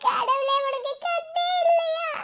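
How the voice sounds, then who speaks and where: A woman's voice: very high voice, sing-song, a little slow, sharp tone, full character voice. A woman voicing a grieving cartoon woman who wails over her younger sister in a Madurai Tamil accent. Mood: wailing. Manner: wailing lament.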